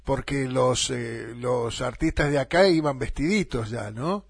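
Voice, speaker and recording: A middle-aged man with an Argentine accent, hosting a radio interview and reminiscing in a halting way with fillers. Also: medium pitch, creaky, breathy edge, no room sound, studio quality. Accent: Argentine Spanish. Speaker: radio host.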